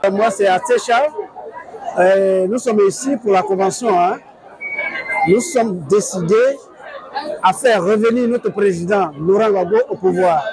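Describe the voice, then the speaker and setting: An older man answers in short, blunt sentences. His voice is quite high. A crowd buzzes all around him. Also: a little slow, poor audio. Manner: short plain statements. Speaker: party supporter. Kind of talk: street interview. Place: outdoor tented rally. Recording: lively crowd noise outdoors.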